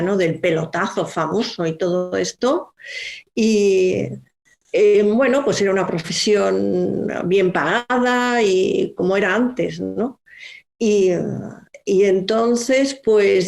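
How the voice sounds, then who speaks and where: A woman from Spain, a guest on a podcast, telling her story in a loose, rambling way. She leans on small fillers as she goes. Her pitch sits in the middle. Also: a little slow, vocal fry, darkish tone. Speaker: magazine director, guest. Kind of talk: casual interview.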